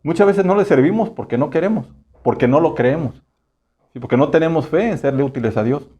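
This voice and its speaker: Chatty Mexican pastor, a bit high. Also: male voice, brisk, a little mellow, husky, dull audio. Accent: Mexican Spanish. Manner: conversational, asks the congregation frequent rhetorical questions; acts out short voices for humor. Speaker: preacher. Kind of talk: sermon.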